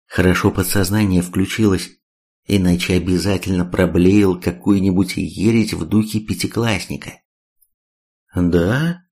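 A man with a very low voice narrates a first-person audiobook. His delivery is wry and blunt, with a slangy, streetwise edge. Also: darkish tone, slightly rough.

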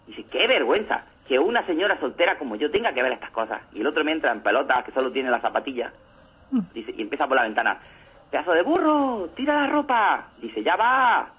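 Man, quick husky delivery, phone-thin radio sound; animated storyteller. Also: medium pitch, phone-quality sound. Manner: animated storyteller, acts out comic scenes. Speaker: radio show co-host. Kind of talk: casual radio chat about comics.

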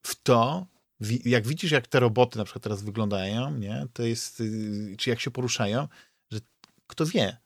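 Podcast co-host, man, mid-pitched, rambling casual chatter, dry close recording. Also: moderate pace, creaky, no room sound. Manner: rambling, many restarts and fillers. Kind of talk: casual chat.

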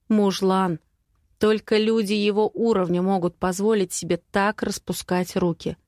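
A woman's voice: medium pitch, a little mellow, no echo, studio quality. Young woman reading an audiobook. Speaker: audiobook narrator. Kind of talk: scripted first-person audiobook narration.

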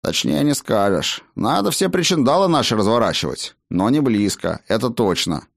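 A thoughtful old-fashioned dwarf who muses aloud, deliberate and unhurried, as a man reads him. The delivery is lively in pitch and recorded dry and close. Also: creaky, no echo. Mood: musing. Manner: deliberate, musing. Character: slow thoughtful male dwarf elder.

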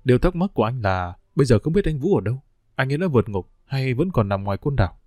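A man voicing a calm, cautious middle-aged husband who speaks steadily and reassuringly. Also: medium pitch, fast talker, no echo, clean studio sound.

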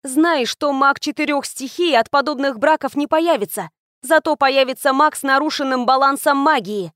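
A woman reads a young heroine mage, hot-tempered and defiant. The voice sits high and loud, every sentence hammered home. Close, dry sound with no room around it. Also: moderate pace, no echo. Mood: heated shouting. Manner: shouting, insistent.

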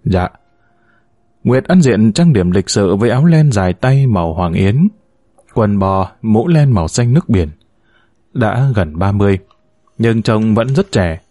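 A man narrating a story in a steady, even reading voice. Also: fairly low pitch, measured pace, no room sound, clean studio sound. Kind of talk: scripted narration.

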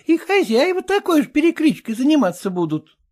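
A woman voicing a kindly, practical household cook who instructs gently and coaxingly. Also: sits high, sing-song, a little fast, pitched above the performer's own voice.

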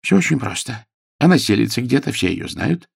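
A man playing a jumpy, stubborn suspicious gentleman. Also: mid-range voice, animated, brisk, creaky, breathy edge, dry recording, studio quality, voice pushed up, heavily acted. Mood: insistent. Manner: insistent, agitated, stubborn. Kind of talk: audiobook character voice.

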